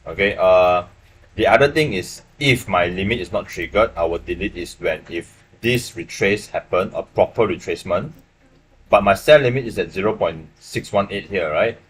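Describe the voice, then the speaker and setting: Deep-voiced Malaysian man explaining trades live. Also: normal speed, a bit bright, slightly rough. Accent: Malaysian English. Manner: casual, explanatory, checks in with "right?" often. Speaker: livestream forex trader. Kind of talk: live trading stream commentary. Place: small room indoors.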